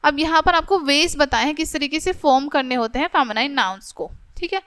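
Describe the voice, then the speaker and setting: A woman teaching a grammar lesson to schoolchildren, reading English lines slowly and explaining them quickly in Hindi, often checking in with "theek hai". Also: sits high, a bit bright, no echo.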